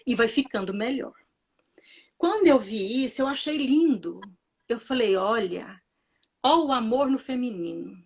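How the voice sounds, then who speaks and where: A woman with a fairly high voice and a Brazilian Portuguese accent gives a reflective talk at a commemoration. She speaks earnestly and circles back to key phrases, repeating them for emphasis. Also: expressive, unhurried, husky.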